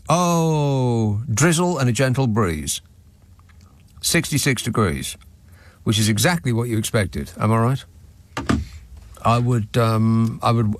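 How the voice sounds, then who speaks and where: A man's voice: medium pitch, sing-song, slow, no echo. A man hosting a radio phone-in in a wry, sardonic, mock-authoritative way, bantering comically. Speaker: radio talk show host. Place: radio studio. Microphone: close studio microphone.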